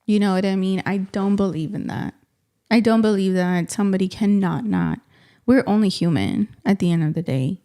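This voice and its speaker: Mellow-voiced woman chatting casually. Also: medium pitch, normal speed. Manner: animated, conversational, often adds "you know what I mean" and "man". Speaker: podcast co-host. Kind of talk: casual chat.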